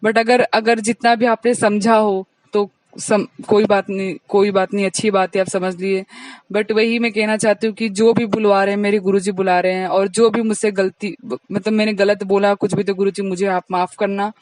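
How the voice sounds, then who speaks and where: A woman sharing her devotional testimony in a satsang, talking fast and earnestly to the congregation, a little distant from the mic. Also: medium pitch, little pitch movement, a little mellow, no room sound. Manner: speaks quickly, admits it herself; earnest, addresses the congregation directly.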